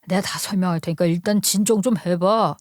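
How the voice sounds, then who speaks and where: A woman's voice: fairly low pitch, brisk, dry recording, clean studio sound, natural voice. A woman voicing a middle-aged cheating husband who sneers and blames his wife. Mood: scornful. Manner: sneering, contemptuous.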